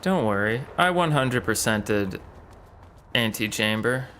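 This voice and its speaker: A man's voice: medium pitch, animated, takes it slowly, sharp tone, slight background noise. A man giving casual gameplay commentary with dry, sarcastic asides. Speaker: let's play streamer.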